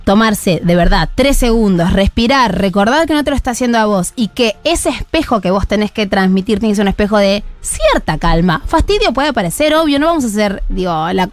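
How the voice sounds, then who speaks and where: A woman's voice: medium pitch, brisk, hardly any pauses, soft background music. A woman with an Argentine accent, a parenting columnist talking things through in a radio studio and acting out phrases parents say. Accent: Argentine Spanish. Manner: explanatory, animated, acts out parent phrases.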